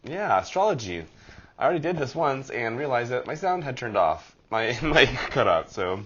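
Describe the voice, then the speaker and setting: A man's voice: medium pitch, sing-song, moderate pace, fairly bright tone, husky, highs cut off. A man with a nasal voice hosting a casual horoscope vlog, chatty and rambling with a self-deprecating streak. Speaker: astrology vlogger.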